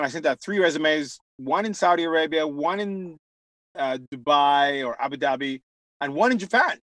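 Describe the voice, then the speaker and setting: A man from Jamaica, an author being interviewed, telling his story in a lively, chatty way with plenty of fillers. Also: fairly high pitch, no echo, poor audio. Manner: animated storyteller with frequent laughs and fillers. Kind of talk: casual conversational interview.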